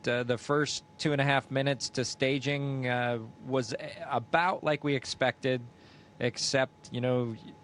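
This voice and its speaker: Even-toned man astronaut on a downlink. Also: unhurried. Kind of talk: unscripted recounting in a live downlink event. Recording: space downlink with faint rumbling noise.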